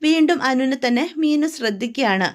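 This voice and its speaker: A woman's voice: high voice, animated, fairly quick. A woman casually retelling a serial's story in colloquial speech with frequent tag words.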